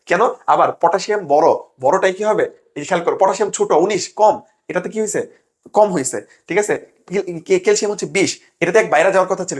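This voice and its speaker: A young man teaching an exam-prep lesson, emphatic and quick to check that students follow. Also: sits high. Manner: rapid, emphatic, keeps asking "ঠিক আছে?". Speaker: admission test tutor.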